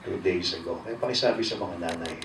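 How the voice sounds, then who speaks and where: Male priest, Filipino accent, low-pitched, measured declaiming delivery, heard from afar in cathedral-like echo. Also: over a noisy crowd. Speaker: priest, homilist. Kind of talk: liturgical reading and sermon. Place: large echoing church interior. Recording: cathedral-like echo, distant mic, faint noise.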